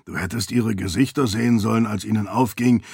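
Man doing a deep raspy old uncle. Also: fairly even intonation, brisk, a little mellow, no echo, studio quality. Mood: wry. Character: stout shrewd older uncle, wry, deep raspy voice.

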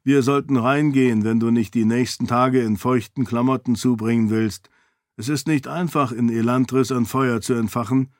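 A man's voice: mid-range voice, steady tone, normal speed, a little mellow, dry recording, close to an everyday voice. A man voicing a big, laconic, wry and guarded man in an audiobook reading, speaking tersely and dryly. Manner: terse, dry.

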